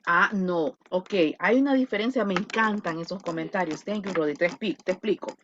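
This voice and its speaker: A woman's voice: fairly low pitch, background noise. A woman teaching an online English class, mixing Spanish and English and drawing out example words. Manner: lively, switching between Spanish and English, drawn-out model words. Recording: lo-fi video call audio.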